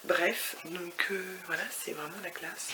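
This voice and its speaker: A woman's voice: fairly low pitch, steady tone, unhurried, very noisy. A woman vlogging from her hotel room in a chatty, rambling way, scattering English words through her talk and sometimes dropping to a whisper. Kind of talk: casual vlog chat.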